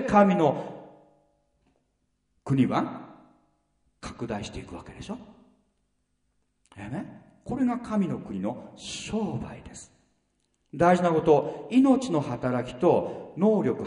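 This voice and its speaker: A male pastor delivers a sermon in a high, animated voice, tossing blunt rhetorical questions at his congregation. He sounds set back from the mic, with a long reverb trailing through the hall. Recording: echoey hall, mic far off.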